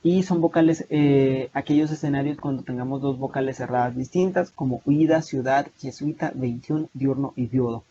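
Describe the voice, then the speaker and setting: A man's voice: mid-range voice, steady tone, moderate pace, hardly any pauses, dark tone. A young man with a Salvadoran Spanish accent, teaching an online class over slides, explaining steadily with many hesitations and restarts. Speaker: online tutor. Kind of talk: lecturing over video call slides. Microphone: video call mic. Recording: muffled lo-fi video call with faint noise.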